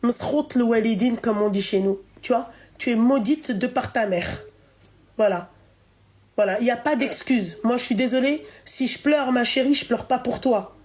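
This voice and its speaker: Une femme qui anime un direct en ligne et sermonne une appelante avec insistance, en se répétant. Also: female voice, fairly high pitch, normal speed, a little mellow. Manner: scolding, emphatic, repeats herself. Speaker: live stream host. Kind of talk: live call-in chat.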